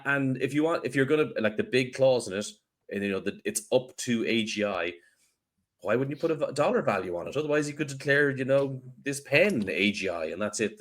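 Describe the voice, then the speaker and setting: A man with a fairly low voice co-hosting a talk podcast. He argues in a relaxed, conversational way and slips in deadpan sarcasm. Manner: wry, sarcastic, deadpan jokes. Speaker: podcast co-host. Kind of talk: casual podcast debate.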